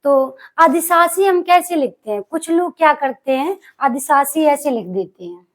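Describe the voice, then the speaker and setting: A woman teaching an exam-prep spelling lesson, who asks the class questions and answers them herself and slowly stretches out the key words she stresses. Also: high-pitched, lively intonation.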